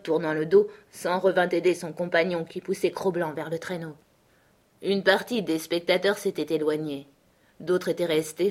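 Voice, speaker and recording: A woman narrating a novel as an audiobook, measured and clear. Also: deep voice, a little mellow.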